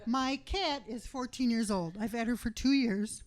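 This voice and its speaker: A middle-aged woman doing open-mic stand-up with dry, deadpan one-liners. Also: a little high, moderate pace. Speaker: stand-up comic.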